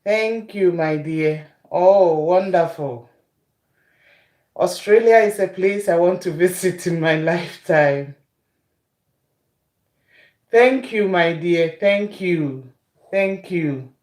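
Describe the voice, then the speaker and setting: A woman's voice: fairly low pitch, slow, long pauses, darkish tone, echoey room. A woman from Ghana with a Ghanaian English accent hosts a casual cooking livestream. She greets her viewers one by one and calls them "my dear". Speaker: cooking show host.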